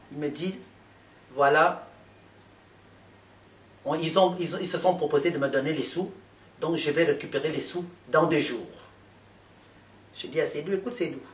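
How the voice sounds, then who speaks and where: A man's voice: fairly high pitch, a bit bright. A man addressing journalists, telling his story in an emphatic, repetitive way with many fillers. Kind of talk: impassioned spoken testimony. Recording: echoey room, voice from a distance.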